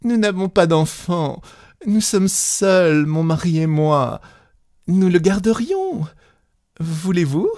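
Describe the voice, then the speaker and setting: A man's voice: high voice, very animated, slow pace, a little mellow, dry recording, studio quality, voice pushed up, full character voice. A man voicing a spoiled young wealthy wife who pleads in a trembling, breathless voice.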